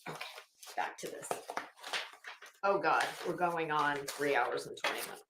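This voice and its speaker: Her voice sits low and her pace is normal as this woman streamer talks casually and reads text aloud. Noise fills the background of the echoey room, and her delivery is blunt, sardonic and salty.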